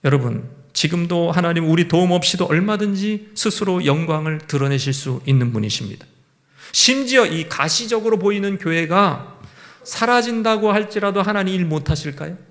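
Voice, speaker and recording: A man's voice: sits high, animated, moderate pace, a bit bright. A male pastor preaching a sermon in a conversational way, asking the congregation question after question.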